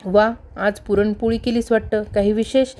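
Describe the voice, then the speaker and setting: A cheerful, fearless young husband from a spoken folk tale, read out by a woman storyteller, his lines kept level and steady. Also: mid-range voice, normal speed, natural voice. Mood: plain.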